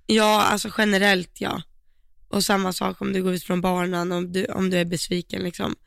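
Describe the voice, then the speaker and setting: A woman co-hosting a casual podcast, with a bright voice that carries a gravelly, creaky edge. She speaks frankly and emphatically, with firm opinions about riding. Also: fairly low pitch, monotone, no room sound, clean studio sound. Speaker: podcast co-host.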